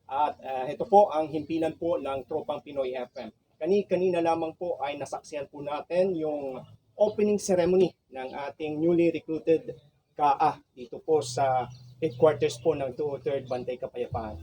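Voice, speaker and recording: A man with a Filipino accent reporting as a radio host in the field, polite and formal, pausing with hesitations. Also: a little high, dark tone, a little hiss or hum, low-quality recording. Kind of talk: radio news reporting and interview.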